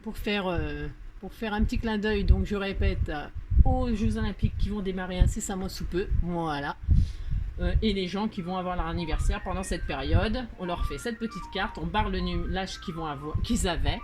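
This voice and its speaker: A woman's voice: fairly low pitch, normal speed, music in the background, poor audio. A woman with a French accent hosting a casual crafting tutorial, chatty and self-mocking, full of fillers and repeated words.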